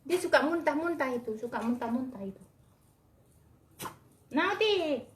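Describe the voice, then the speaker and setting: A woman's voice: high-pitched, animated, normal speed, a little hiss or hum. Doting woman coaxing her pets, echoey. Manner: doting, coaxing baby-talk. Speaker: pet owner. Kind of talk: casual talk to pets. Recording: echoey room.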